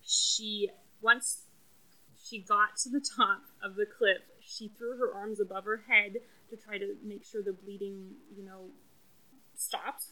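A woman's voice: medium pitch, fairly even intonation, measured pace, bright, forceful tone, poor audio. A woman co-hosting a podcast, telling a true crime story in a chatty, casual way with lots of fillers. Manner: chatty, frequent fillers and restarts.

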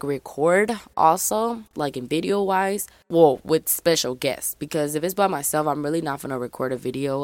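Here's a low-pitched, fairly bright female voice with no room sound, belonging to a young adult podcast host from Memphis, Tennessee. She rambles chattily through the intro to her solo show, her Southern accent faded, and keeps saying y'all to her listeners.

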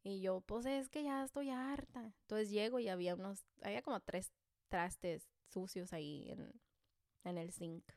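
Animated Mexican woman telling a story. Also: medium pitch, measured pace, no room sound, clean studio sound. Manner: animated, joking, self-deprecating, slangy. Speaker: mother telling a personal story. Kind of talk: casual storytelling to camera.

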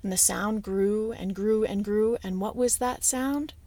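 A woman telling a story aloud on a podcast, with dramatic pauses and casual asides. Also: medium pitch, dark tone, no room sound. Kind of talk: oral storytelling.

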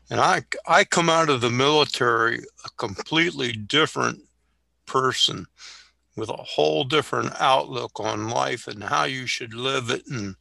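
An older man, a Navy veteran guest, telling stories in a halting, reflective way. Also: mid-range voice, vocal fry, pushed and bright, no room sound. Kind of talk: casual conversation and storytelling.

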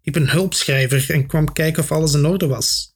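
Nervous young clerk guy in a storybook read by a man, kinda high and hesitant, husky. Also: moderate pace. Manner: hesitant, gloomy.

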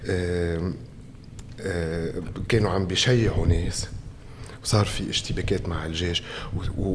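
A man with a Lebanese Levantine Arabic accent giving political interview answers as a candidate, emphatically repeating his phrases. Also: low voice. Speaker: election candidate being interviewed. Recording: reverberant room, faint background noise.

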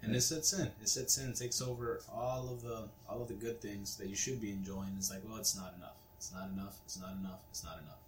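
A man in his late twenties chimes in on a podcast, backing his co-host up and telling stories with energy. His voice is low, the room echoes, and a faint rumble sits underneath. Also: a little fast, hardly any pauses. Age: 20s. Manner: chimes in with short agreements, animated storytelling. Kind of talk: casual podcast chat.

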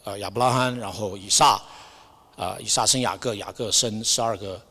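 A man's voice: fairly low pitch, normal speed, bright, forceful tone. A middle-aged man giving an informal church testimony, hesitant and searching for words, with English words mixed in. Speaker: church member sharing a Sunday message. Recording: long hall reverb.

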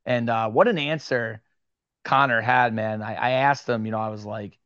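A man's voice: mid-range voice, clean tone, dry recording, lo-fi sound. A young man with a Western New York accent, telling stories as a guest in a casual interview. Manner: animated storyteller, quick asides. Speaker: podcast guest, sports card media host.

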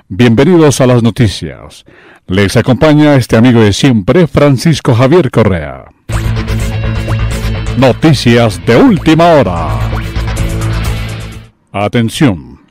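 A man's voice: medium pitch, a little mellow, dry recording. A young man, anchoring a student mock newscast in a formal announcer manner. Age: young adult.

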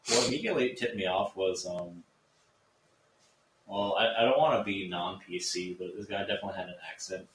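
A man's voice: low voice, brisk, a bit bright, distant mic, slight background noise. A young man co-hosting a podcast, telling stories in a laid-back, wry way. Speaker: podcast co-host. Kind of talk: casual chat. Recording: echoey room, faint ambience.

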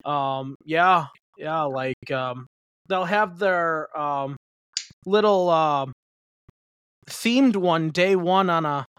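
A man with a notably high voice talks wrestling on a podcast in a loose, rambling way. He circles back with fillers and restarts his sentences often. The sound is dry and close, with no room around it. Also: drawn-out words, a bit bright, clear, resonant tone, no room sound. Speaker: podcast co-host. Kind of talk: casual wrestling chat.

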